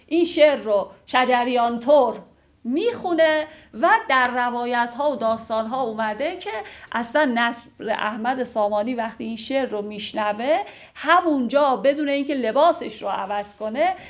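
A woman giving an informal, conversational lecture on classical poetry, with fillers and asides. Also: on the high side. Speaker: literature teacher.

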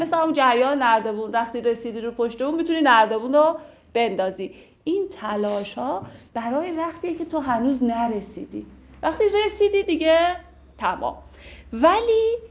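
A woman with a somewhat high voice teaches a class on classical poetry. She explains each verse patiently and slips in light jokes. She slows down to recite the lines. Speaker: literature teacher.

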